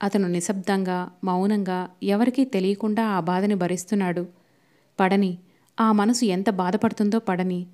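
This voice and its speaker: A woman narrating a novel as an audiobook, in steady, even storytelling. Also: mid-range voice.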